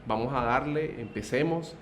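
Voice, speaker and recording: A man from Barranquilla, Colombia, with a Caribbean-coast accent, gives testimony in an interview. His mid-range voice moves at a moderate pace over a little hiss or hum, and he sounds hesitant yet good-humored, using many "eh" fillers.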